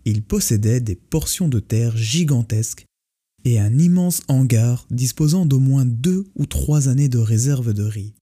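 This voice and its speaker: Dark, husky male storyteller. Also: medium pitch. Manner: calm, measured storytelling. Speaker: narrator. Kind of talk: storybook narration. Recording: faint music behind the voice. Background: faint music.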